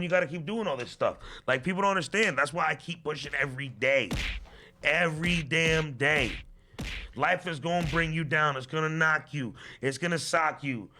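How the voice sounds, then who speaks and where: A man's voice: a little high, brisk, pushed and bright, slight background noise. A man co-hosting a podcast, talking casually, swearing and teasing his partner. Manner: profane, teasing, preachy. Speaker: podcast co-host. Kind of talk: casual chat.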